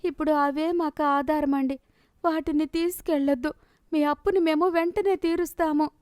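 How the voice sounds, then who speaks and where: A woman voicing a poor village mother in a storybook cartoon, speaking in a gentle, pleading way. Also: high voice, fairly even intonation, normal speed, no echo, clean studio sound, voice pushed up, close to an everyday voice.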